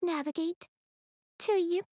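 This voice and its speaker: Very high-pitched, giggly young woman. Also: steady tone, a little slow, mellow, no room sound. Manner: giggly, bubbly. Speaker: streamer. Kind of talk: casual gaming chat.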